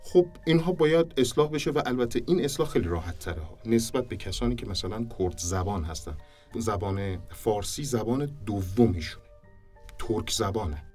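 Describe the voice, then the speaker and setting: A man's voice: lowish voice, expressive, a little mellow. A man, a speech and diction teacher, explaining things in an interview in an emphatic way and repeating his points for stress. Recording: distant mic with faint music behind.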